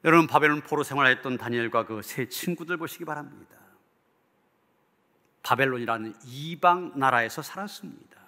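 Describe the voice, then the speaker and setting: A pastor with a medium-pitched voice, pushed and bright, preaches fairly quickly in an earnest, emphatic, rhetorical way. His sermon closes in prayer, recorded in a church hall with long reverb.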